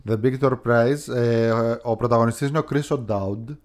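A man's voice: medium pitch, darkish tone. A man co-hosting a podcast in casual chat, telling stories in a rambling way with many fillers. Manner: rambling, filler-heavy storytelling. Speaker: podcast co-host.

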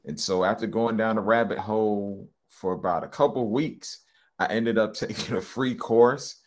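Deep-voiced man telling his story. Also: moderate pace. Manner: relaxed, rambling with many ums and restarts. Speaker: hypnotherapist guest. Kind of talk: casual interview answers.

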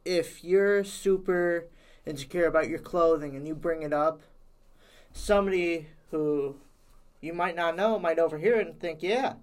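Male co-host, a bit higher voice, easygoing agreeable talk. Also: normal speed. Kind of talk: casual chat.

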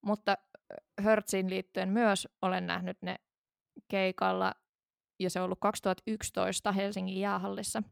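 A woman's voice: mid-range voice, little pitch movement, vocal fry, clear, resonant tone, no room sound, clean studio sound. A woman in her thirties, a podcast co-host, chatting casually and rambling with many fillers and restarts. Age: 30s. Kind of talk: casual chat.

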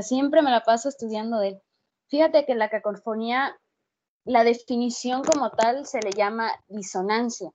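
A woman co-hosting a casual educational podcast, explaining lively with spoken examples. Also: a little high. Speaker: podcast co-host. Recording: dull lo-fi sound.

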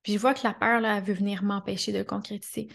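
A woman's voice: mid-range voice, little pitch movement, quick pace, gravelly. A woman with a Québécois accent hosting a motivational podcast, talking earnestly and emphatically, repeating phrases, checking in with her listeners and laughing often. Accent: Québécois French. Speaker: podcast host and coach.

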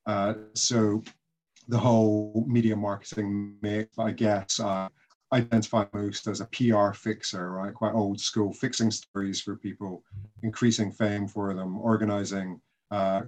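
A Scottish man, a guest on a podcast interview, telling stories in a relaxed, chatty way. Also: on the low side, moderate pace. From Scotland. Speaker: guest, communications consultant.

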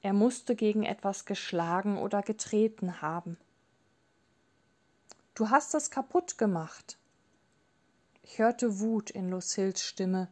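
Slow, mellow female audiobook narrator. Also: medium pitch. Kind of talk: scripted narration.

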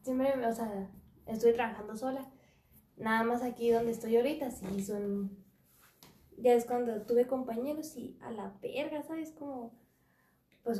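A woman's voice: fairly high pitch, mellow. A woman with a Mexican accent frankly sharing work and home stories in slangy casual chat. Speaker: podcast co-host. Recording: echoey room.

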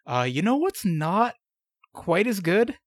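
A man's voice: high voice, sing-song, slow pace, dry recording, studio quality. A man co-hosting a casual podcast, reading old news items and cracking jokes with some swearing. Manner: jokey, swears, reads news items aloud. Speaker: podcast co-host.

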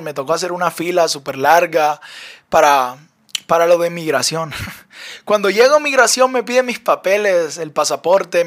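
A young man with a Colombian accent, animated and often laughing as he tells his own story for his podcast. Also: high voice. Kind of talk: personal testimony storytelling.

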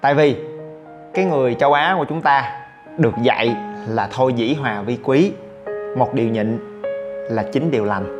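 A man from Vietnam hosting a podcast, telling a story in a lively casual monologue and acting out the voices of the people in it. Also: medium pitch, moderate pace, long pauses, muffled recording, over music. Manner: animated, acts out quoted voices, exclaims often. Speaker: podcast host.

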